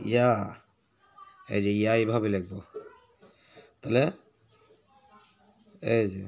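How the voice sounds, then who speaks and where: A man guides a handwriting lesson in an unhurried, measured way. His voice sits at a middle pitch. He names each letter and mark as he writes, then drags out the whole word syllable by syllable. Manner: names letters while writing, slows to chant words. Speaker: Arabic handwriting teacher. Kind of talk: step-by-step writing lesson.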